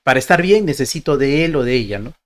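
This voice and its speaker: A man's voice: mid-range voice, animated, fast talker. Man giving a motivational talk. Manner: conversational, many tag questions and rhetorical questions. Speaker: motivational speaker for university applicants.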